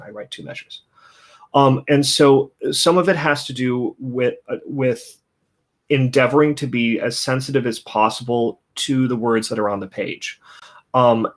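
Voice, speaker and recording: A man with a mid-range voice talks through his creative process in a reflective, unhurried way. He circles back often, stacking fillers and restarts as he searches for the right word. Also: medium pitch. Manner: thoughtful, many fillers and restarts. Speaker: composer. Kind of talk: interview conversation.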